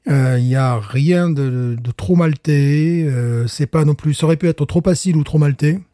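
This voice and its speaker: A man's voice: on the high side, normal speed, mellow, no echo, studio quality. A man co-hosting a beer tasting show in casual chat, rambling with fillers and restarts. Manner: rambling, many fillers and restarts, chuckles often.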